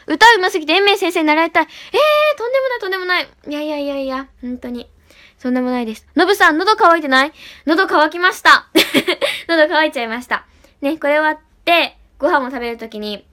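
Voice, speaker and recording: A woman livestreaming as an idol, talking fast and bubbly while reading out and answering chat comments. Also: sits high, bright, forceful tone. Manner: bubbly, often repeats "really".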